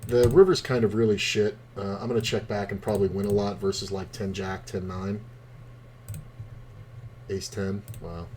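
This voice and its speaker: A man's voice: fairly low pitch, steady tone, moderate pace, a little mellow, slight background noise. A man streaming online poker, chatting casually with a rambling, profane, laid-back storytelling manner. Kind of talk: casual commentary while playing online poker.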